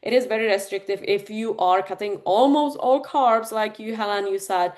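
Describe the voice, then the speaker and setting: At a moderate pace and in a medium-pitched, slightly mellow voice, a Czech woman coaching fitness and nutrition holds a live online masterclass over a video call. She's chatty, addresses listeners directly, and uses lots of fillers.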